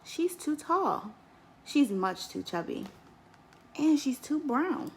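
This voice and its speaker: A woman voicing a group of unkind schoolkids who gossip in quick, hushed tones. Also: high-pitched, very animated, gravelly, slight background noise, voice pushed up, full character voice. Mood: mocking.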